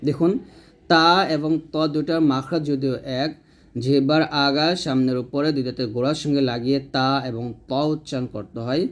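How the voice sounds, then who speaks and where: Man teaching letter sounds slowly. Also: mid-range voice, fairly even intonation. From Bangladesh. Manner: slow drawn-out letter drills between brisk explanations. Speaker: Quran reading teacher. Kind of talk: recorded tutorial lesson.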